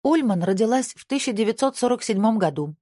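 A woman's voice: a little high, lively intonation, fast talker, warm tone, no echo, studio quality, pitched above the performer's own voice. A woman doing a precise young female analyst. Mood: matter-of-fact.

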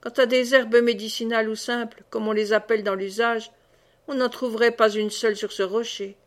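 Audiobook: a woman playing a gruff old monk, wounded but boastful. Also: on the high side, little pitch movement, fairly quick, lightly acted. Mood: blustering.

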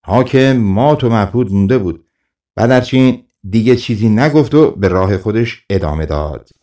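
A man narrating a folk tale audiobook in a calm, friendly storytelling manner, addressing his listeners. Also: on the low side.

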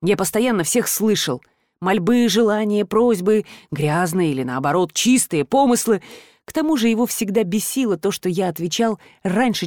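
A woman reading an audiobook, voicing a weary, regretful ancient male god who speaks in a measured, low, tired way. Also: a little mellow, no echo, studio quality, lightly acted.

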